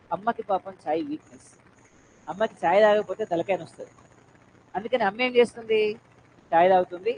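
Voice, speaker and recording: A woman's voice: on the high side, lo-fi sound, slight background noise. Telangana-accented woman teaching economics. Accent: Telangana Telugu. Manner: quizzing the class, urging them to answer loudly; mixes English terms into her speech. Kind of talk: classroom lecture.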